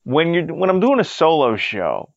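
A man's voice: a little high, wildly swooping pitch, normal speed, vocal fry, dry recording. A man hosting a solo podcast in a chatty, rambling monologue, often checking in with a rhetorical question, recorded on a headset into a budget smartphone. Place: basement spare room at home. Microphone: headset mic into a budget smartphone. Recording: dull, lo-fi headset phone recording.

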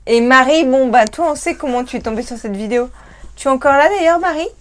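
She has an expressive voice that sits high. A French woman made tipsy by wine, she co-hosts a casual livestream, chattering fast and laughing.

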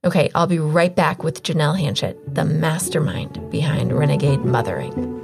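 A woman in her thirties hosting a parenting podcast, chatty and informal with plenty of filler words, her voice a bit hoarse. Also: sits low, expressive, moderate pace, music in the background. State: slightly hoarse, losing her voice. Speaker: podcast host. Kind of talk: casual podcast chat and interview.

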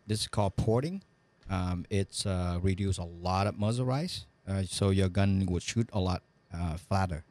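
Man, Vietnamese accent, 40s, hesitant, lots of ums and uhs, lower pitch. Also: moderate pace, a little mellow. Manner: hesitant, many fillers, broken grammar. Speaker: guest, custom gunsmith and engineer. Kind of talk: casual interview.

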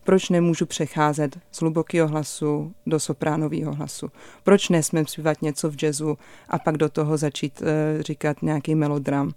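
A young woman's voice sits unusually deep for a woman, smooth and clean in tone, though her pitch barely moves. She tells her story animatedly, with frequent hesitations, as an interview guest. The sound is dry and close. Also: no echo. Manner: animated, many hesitation fillers. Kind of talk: conversational storytelling.

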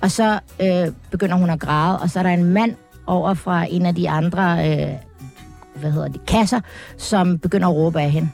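A woman's voice: fairly low pitch, fairly even intonation, vocal fry, a little mellow, faint music behind. A woman talking as a podcast guest in casual chat, hesitant and full of fillers, laughing often.

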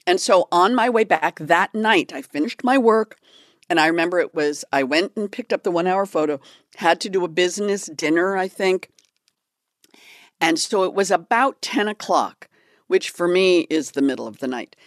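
A woman from California tells a story to her co-host in relaxed, casual chat. She acts out every quote with energy, and her fairly low voice sits close and dry in a quiet studio. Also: normal speed, no echo. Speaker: podcast co-host.

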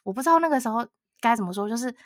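A woman from Taiwan, co-hosting a podcast and telling a story in a lively way, often laughing and acting out what others said. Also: a little high, very fast, dry recording, clean studio sound. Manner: animated storytelling, frequent laughter, quotes others. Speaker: podcast co-host. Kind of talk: casual storytelling chat.

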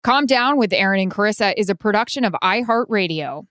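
A woman's voice: medium pitch, lively intonation, fairly quick, fairly bright tone, dry recording, studio quality. Easygoing woman podcast co-host in her forties. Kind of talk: casual chat.

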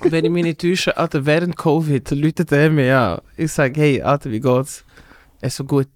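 A man's voice: on the high side, moderate pace, dry recording, clean studio sound. A young man speaking with a Swiss German accent, a comedian animatedly telling anecdotes and acting out the voices in them. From Congo. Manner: animated, acts out voices in anecdotes, laughs often. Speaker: comedian podcast host. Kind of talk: casual chat, storytelling.

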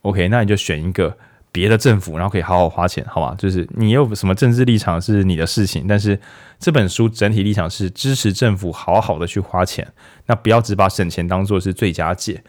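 Male host, low-pitched, casual and jokey, for a book podcast. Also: brisk. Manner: chatty, animated, jokey rhetorical questions. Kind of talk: casual book review talk.

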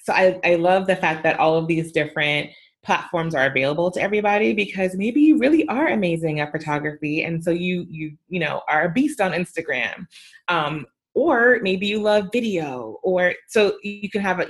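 A middle-aged woman with a slightly low-pitched voice, chatting in a relaxed podcast conversation. She talks emphatically and leans on fillers like "um" and "you know". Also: a little fast. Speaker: podcast guest, PR and social media adviser.

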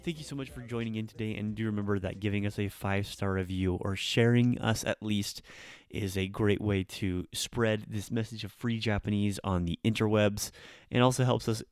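A man's voice: lowish voice, steady tone, moderate pace, clean tone, no echo, studio quality. A man hosting a casual, chatty language lesson as a podcast teacher, with rolled R's when he speaks Japanese. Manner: informal, chatty, explains with acted-out examples. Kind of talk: casual spoken grammar lesson.

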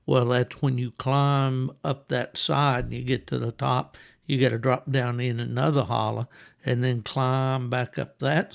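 Man, podcast host, creaky gravelly voice, very slow pace, explanatory, conversational. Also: medium pitch. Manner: explanatory, scene-setting, unhurried. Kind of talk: conversational interview.

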